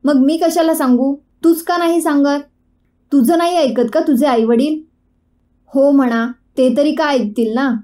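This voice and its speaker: A woman's voice: high voice, measured pace, mellow. A woman voicing a scornful arrogant young man. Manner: taunting, scornful.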